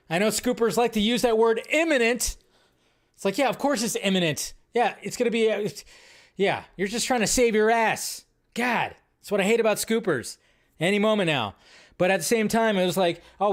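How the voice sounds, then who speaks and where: This is a high-voiced man running a casual live movie news broadcast. He wanders through his thoughts with animated energy and the occasional exasperated aside.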